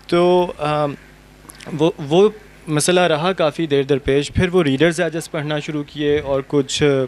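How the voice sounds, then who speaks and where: A young adult man, a translator, speaking reflectively and earnestly on a panel with many hesitations. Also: fairly high pitch. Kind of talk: panel conversation. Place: outdoor university courtyard event.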